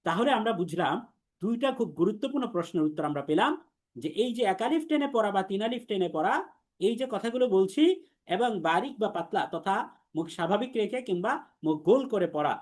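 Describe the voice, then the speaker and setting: This man's voice is high-pitched, with lively intonation and a quick pace. He runs an Arabic letters class for the Quran, going step by step with patient repetition and leading call-and-response drills.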